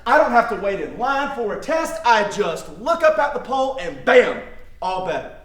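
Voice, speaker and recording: A man voicing a crowd of frantic, excited wandering people in a children's Bible lesson, with shrill exclamations. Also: normal speed, reverberant, exaggerated voice. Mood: overjoyed.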